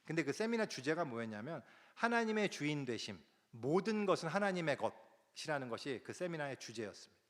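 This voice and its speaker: A man's voice: a little high, a little fast. A man preaching a sermon as a pastor, telling a story and acting out the prayers and words of the people in it. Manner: animated, acts out quoted prayers and dialogue. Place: large church sanctuary. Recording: long hall reverb.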